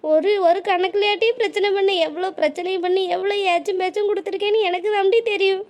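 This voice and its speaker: A woman's voice: extremely high pitch, steady tone, fast talker, a little mellow. A woman voicing a weepy old village widow. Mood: tearful. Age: older. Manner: tearful, pleading, self-blaming. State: crying.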